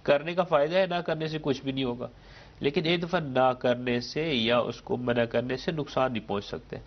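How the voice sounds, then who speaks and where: Male scholar guest, steady lecturing delivery, builds his case with examples, somewhat muffled audio. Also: mid-range voice. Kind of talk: explanatory talk on a studio show.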